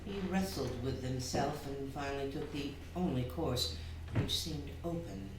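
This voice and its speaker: A performer playing a wry, measured narrator in a stage radio drama, telling the story deliberately. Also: mid-range voice, lightly acted. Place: theatre stage, live performance. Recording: very echoey hall, distant mic, faint noise.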